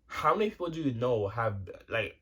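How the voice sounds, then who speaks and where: A vlogger in his twenties rambles casually to the camera, cursing freely and filling his talk with restarts and fillers. His medium-pitched voice is very animated, a bit bright and breathy, and a little fast.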